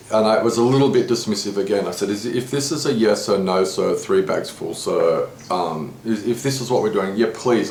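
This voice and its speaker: A man telling a story in casual conversation, animatedly acting out what others said. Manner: animated retelling, voicing others with rising pitch. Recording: echoey room with faint background noise.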